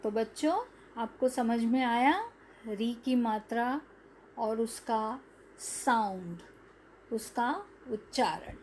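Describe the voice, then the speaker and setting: Woman teacher talking real slow to little kids, a bit high. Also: a little mellow, a little hiss or hum. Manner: slow, drawn-out syllables for young children. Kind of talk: children's language lesson.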